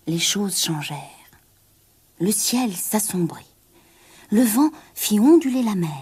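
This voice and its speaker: A woman's voice: mid-range voice, mellow, husky. A woman reading a children's storybook aloud in a dramatic way, dropping into whispers and rising to exclamations.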